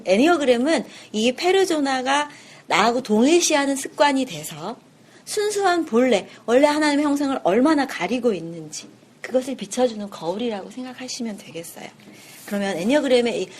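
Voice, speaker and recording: A woman lecturer giving a lively seminar talk, asking the audience questions and acting out little scenes. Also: on the high side. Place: seminar room.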